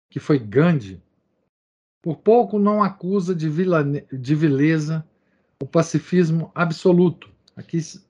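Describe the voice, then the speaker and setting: A man with a somewhat high voice reads a text aloud in lecture style. He marks quotations, then adds loose spoken asides and keeps dropping in little tag questions. The recording sounds dull and lo-fi. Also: a little mellow, breathy edge. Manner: reads quoted passages, adding asides and verbal tics like "né?". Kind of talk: reading and commenting on a text.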